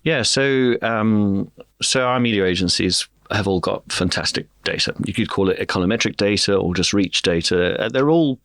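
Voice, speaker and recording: A man speaking as a guest in a podcast interview, explaining at length in a measured way with frequent pauses. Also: lowish voice, a bit bright, no echo. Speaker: guest, media director.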